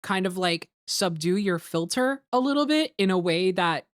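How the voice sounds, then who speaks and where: A woman's voice: lowish voice, lively intonation, moderate pace, no echo. Woman hosting, close dry sound. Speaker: host of the commentary. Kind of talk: casual group commentary chat.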